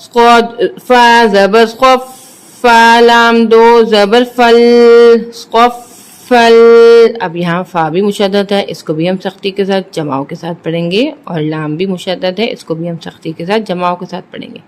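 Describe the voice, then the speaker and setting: A Quran reading teacher with a Pakistani Urdu accent, sounding out letters and syllables slowly and then explaining each rule quickly. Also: steady tone, clean tone. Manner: drawn-out syllables, then brisk low explanations. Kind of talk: slow letter-by-letter recitation drills with quick explanations.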